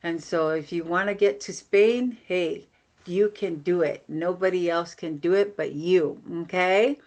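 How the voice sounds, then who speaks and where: A woman with a slightly low voice leads a motivational team training. She talks in an upbeat, chatty way, full of fillers and repeated phrases. She is from American Samoa and is heard over a video call. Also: unhurried, darkish tone. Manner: upbeat, repetitive, conversational with fillers. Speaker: team leader giving a training.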